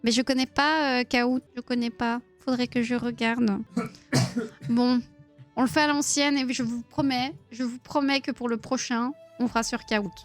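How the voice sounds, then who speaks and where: A woman's voice: on the high side, steady tone, normal speed, faint music behind. A woman in her thirties hosting a live quiz stream, chatting playfully with viewers and giggling often. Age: 30s. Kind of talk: casual live-stream chat.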